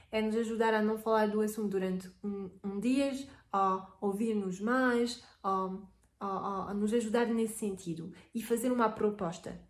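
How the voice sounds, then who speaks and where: A woman's voice: medium pitch, darkish tone. A woman giving casual relationship advice, hesitant and often searching for words. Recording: echoey room.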